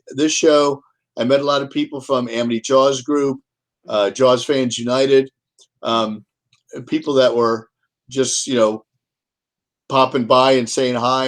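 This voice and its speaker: A man, an author and guest, telling stories in a casual chat, rambling with repeats and restarts. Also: medium pitch. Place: home, Kansas City.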